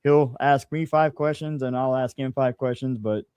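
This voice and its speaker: A man's voice: medium pitch, fairly even intonation, moderate pace, darkish tone, clean tone, no echo, lo-fi sound. A man co-hosting a podcast interview, asking questions in an easygoing, slightly rambling way. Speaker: podcast co-host.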